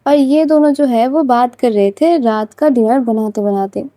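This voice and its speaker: Chatty woman storyteller with a high, mellow voice. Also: normal speed, no echo. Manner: chatty, talks straight to listeners. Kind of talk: casual serialized story narration.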